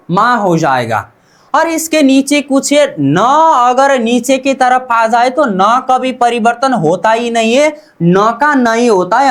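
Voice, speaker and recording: A teacher leading a beginner language lesson in a slow, deliberate way, repeating each syllable and asking "what?" before answering. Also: mid-range voice. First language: Hindi. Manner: repeats each syllable several times for practice.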